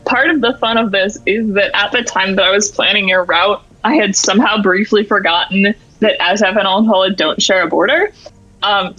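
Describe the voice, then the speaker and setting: A game master runs a tabletop session at an easy, drawn-out pace with a bright, forceful tone. The sound is dull and lo-fi, with soft music underneath. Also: female voice, medium pitch. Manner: slow, unhurried, thinking aloud.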